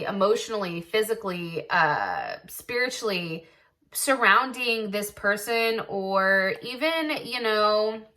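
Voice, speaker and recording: A woman's voice: mid-range voice, pushed and bright. A woman giving a casual tarot reading, chatty and blunt, swearing freely and thinking aloud with lots of "like" and "I feel like". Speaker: tarot reader.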